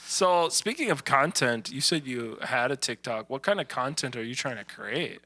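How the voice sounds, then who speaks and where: A man hosting a casual podcast, eager, asking questions with quick reactions. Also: medium pitch, lively intonation, bright, forceful tone, no room sound. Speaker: podcast host. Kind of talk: casual interview chat.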